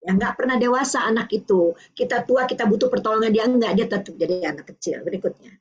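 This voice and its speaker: An older woman from Indonesia giving a lively parenting talk, acting out dialogues between a parent and a child. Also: fairly high pitch, fast talker, lo-fi sound. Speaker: parenting speaker.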